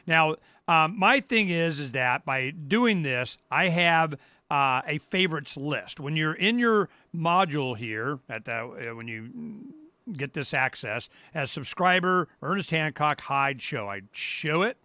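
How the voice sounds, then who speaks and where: A middle-aged man hosting his own show, walking viewers through a website in a loose, rambling way and exclaiming "boom" often. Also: expressive, unhurried, bright, forceful tone, no echo. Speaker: radio show host. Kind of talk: casual live-stream walkthrough. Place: home studio.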